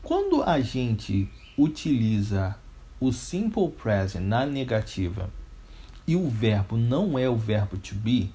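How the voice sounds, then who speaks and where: A man's voice: medium pitch, big pitch swings, slow, dark tone. A man with a Brazilian Portuguese accent teaching an English grammar lesson step by step, asking questions and answering them himself. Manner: didactic, step by step.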